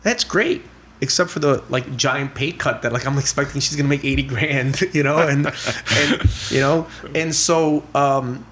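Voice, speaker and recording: This middle-aged real estate investor's voice is mid-range and fairly bright, moving at a moderate pace, with a little hiss or hum in the recording. As a guest in a casual podcast interview, he chats through family stories, packed with "you know" and "like" fillers and acted-out quotes from relatives.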